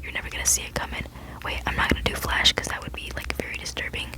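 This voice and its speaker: A woman hosting an ASMR video, talking in a soft, giggly, rambling whisper. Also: quick pace. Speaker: ASMR channel host.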